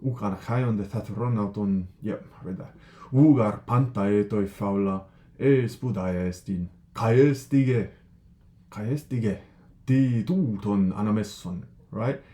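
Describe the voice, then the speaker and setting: A man with a low, mellow voice gives a relaxed spoken lesson. He thinks aloud, leans on fillers and keeps asking "right?" as he goes. When he reads a passage he slows down and sounds each word out with care. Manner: reads passages slowly and carefully. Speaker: teacher.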